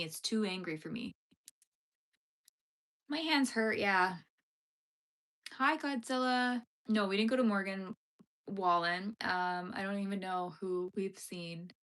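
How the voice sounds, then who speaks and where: Streaming vertically from her phone, a young woman with a mid-range, fairly bright voice chats casually as she crochets. She reads messages from her chat aloud, laughs frequently, and leans heavily on filler words.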